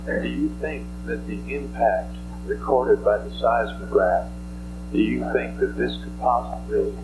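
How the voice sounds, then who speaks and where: A man asking questions as a reporter at a press conference, formal and a little halting. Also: mid-range voice, fairly even intonation. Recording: noisy archival audio with mains hum.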